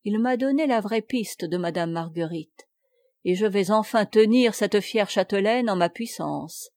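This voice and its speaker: A woman narrating a story aloud in a measured, even reading voice. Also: medium pitch, no room sound, studio quality. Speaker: audiobook narrator.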